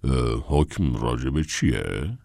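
A man's voice: rumbling low, big pitch swings, vocal fry, a little mellow, no echo, studio quality, pitched below the performer's own voice, heavily acted. A man voicing a fumbling male contest manager who hedges with many fillers. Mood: placating. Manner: hesitant, placating, full of "uh" fillers.

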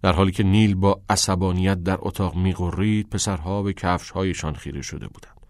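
A man narrating a novel as an audiobook in a measured, even way. His voice sits low. The recording is dry and close, with no room sound. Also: dry recording.

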